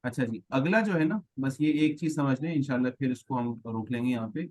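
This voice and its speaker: A man's voice: mid-range voice, a little mellow, poor audio. A male teacher giving a patient classroom grammar lesson, stretching out example words and often checking that students follow.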